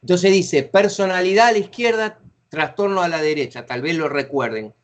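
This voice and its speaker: A man's voice: on the high side, lively intonation, normal speed. A middle-aged Argentine man runs a facilitator training session, talking at length in a slightly raised voice. He explains in a chatty way and acts out short example phrases. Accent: Argentine Spanish.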